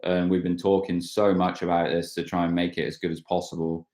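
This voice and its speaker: A man's voice: sits low, level tone, brisk, darkish tone. A man in his thirties, a mountain bike racer, chatting casually on a live stream and rambling with many fillers and restarts. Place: at home, washing outside in the rain. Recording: roomy echo.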